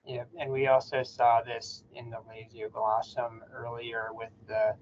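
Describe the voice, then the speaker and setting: A man's voice: medium pitch, little pitch movement, measured pace, highs cut off, slight background noise. A man joining a live bee identification workshop as a guest expert, answering hesitantly with many "uh"s. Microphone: computer mic on a video call.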